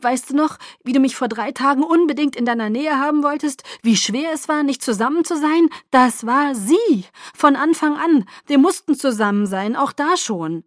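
Audiobook casting: woman doing an impassioned young man, pitched high and pushing loud, dry close read. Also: expressive, moderate pace, few pauses, dry recording. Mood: heated pleading. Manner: loud, heated, raised voice. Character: young man, hot-headed and pleading.

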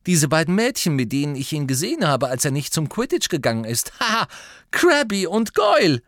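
An eager, excitable teenage boy in an audiobook, as a male reader puts him on. His voice climbs and swings as he argues. The sound is close and dry. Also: a little high, quick pace, no echo, voice pushed up. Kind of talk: audiobook character voice.

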